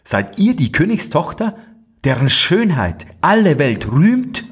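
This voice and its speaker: A man's voice: on the low side, big pitch swings, measured pace, slightly rough, exaggerated voice. A man doing an eager young wanderer, bold and earnest. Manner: earnest, brave.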